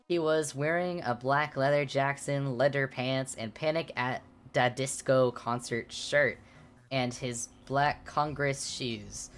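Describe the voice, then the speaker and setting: Deep-voiced woman mocking a fanfic. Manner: sardonic, giggly mocking asides. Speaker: streamer. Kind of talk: reading a fan fiction aloud with commentary.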